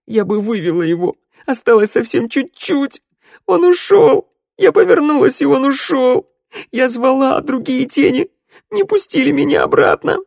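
A man's voice: sing-song, a little slow, a little mellow, breathy edge, no room sound, studio quality, exaggerated voice. A man voicing a distraught, tearful young woman who screams and sobs in an audiobook. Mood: anguished shouting. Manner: sobbing, shrill, screaming.

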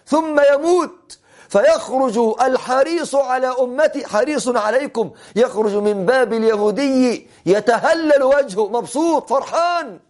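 A man's voice: very high-pitched, normal speed, darkish tone. A man with an Egyptian Arabic accent preaching a sermon, telling stories dramatically and repeating phrases for emphasis. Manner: dramatic, shifts between classical and colloquial, emphatic repetition. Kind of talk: sermon storytelling.

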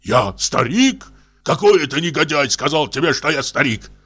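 A man voicing a drunk, quick-tempered investigator in his sixties, blustering and shouting in a raised voice. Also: a little high, very animated, slightly rough, pitched above the performer's own voice, heavily acted. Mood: offended. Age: 60s.

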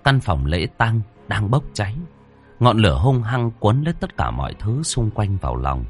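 A man narrating a ghost story in an expressive storytelling manner. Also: lowish voice, moderate pace, faint music behind.

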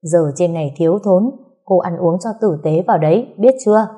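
Woman playing a bossy elderly mother-in-law, husky low voice, dark tone, storybook reading. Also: fairly quick. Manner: bossy, scolding.

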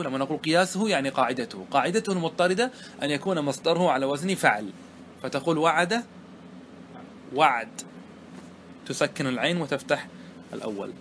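Guy teaching grammar, slightly high voice, asks himself questions then answers, faint hiss behind. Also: fairly bright tone. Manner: patient, asks and answers his own questions. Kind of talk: explaining a grammar poem.

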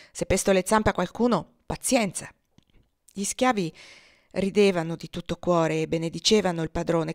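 A woman reading a classic novel aloud in a measured, steady storytelling manner. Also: lowish voice, dry recording, clean studio sound. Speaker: audiobook reader. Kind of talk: literary audiobook narration.

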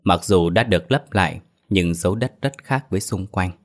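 A man narrating a village story in a steady, measured way. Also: sits low.

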